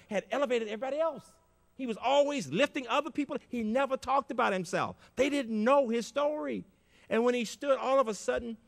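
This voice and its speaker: An older man giving an inspirational keynote speech at a conference, telling stories with big emotional swings in loudness. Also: high voice, gravelly. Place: large conference auditorium. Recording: reverberant conference hall.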